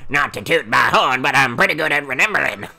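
A man's voice: mid-range voice, animated, fast, gravelly, bright, forceful tone, exaggerated voice. A man voicing an elderly, absent-minded male Goomba professor while reading game dialogue on stream. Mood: scholarly. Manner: flustered, fumbling old-man voice.

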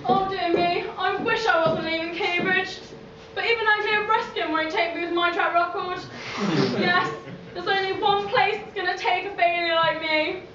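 A woman's voice: very high voice, fairly even intonation, normal speed. A woman playing an earnest, hapless young Victorian male student in a stage pantomime, declaiming naively. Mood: earnest, forlorn. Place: on stage in a theatre hall. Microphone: distant camera in the audience. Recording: echoey theatre, distant camera, dull, noisy.

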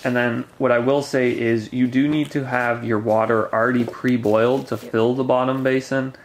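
A man's voice: mid-range voice, little pitch movement, moderate pace, slight background noise. A man casually explaining how to make camp coffee, talking step by step at a picnic table in a forest. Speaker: camping gear reviewer.

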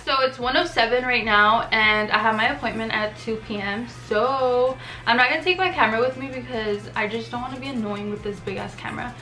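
A woman's voice: a little high, a little fast, few pauses, bright, forceful tone, rough recording. A young woman in her twenties from Texas, chatting frankly to camera in her bedroom with lots of fillers and some swearing. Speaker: beauty vlogger. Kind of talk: casual vlog chat. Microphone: camera on a tripod.

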